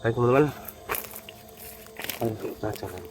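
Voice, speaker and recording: A man recording a mystery vlog outdoors, talking to his viewers as friends and breaking into loud, commanding confrontations and rapid prayers. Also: medium pitch, background noise. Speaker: mystery vlogger. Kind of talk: first-person narration while walking.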